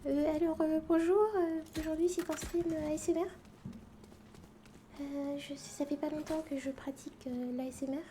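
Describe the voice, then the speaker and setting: A woman's voice: high-pitched, little pitch movement, moderate pace, background noise, voice pushed up, natural voice. A woman playing a nervous beginner ASMR performer in whispered role-play, hesitant and stumbling over her words. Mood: fumbling. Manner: hesitant, stumbling, many fillers.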